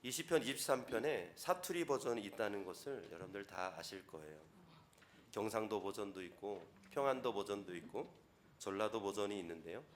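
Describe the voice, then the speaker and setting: A man's voice: fairly low pitch, animated, a little fast, a little hiss or hum. Male pastor preaching conversationally. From Chungcheong Province. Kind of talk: sermon.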